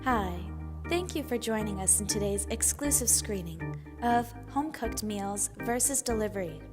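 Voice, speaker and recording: A woman's voice: medium pitch, expressive, moderate pace. A woman presenting a student research study in formal scripted narration. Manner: formal, reads statistics. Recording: loud music behind.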